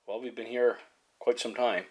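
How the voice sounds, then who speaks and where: Husky and medium-pitched, a man speaks at a moderate pace with fairly even intonation. As the hobbyist presenter of a radio repair video, he gives casual hands-on commentary, muttering tentatively while repairing. The home recording is noisy, with ticks and clicks.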